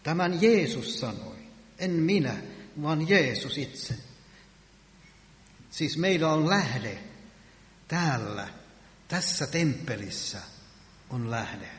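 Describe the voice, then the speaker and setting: A man's voice: a little high, animated, long pauses. A man preaching a sermon in earnest, with emphatic rises on key words. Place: church hall. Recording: echoey church hall.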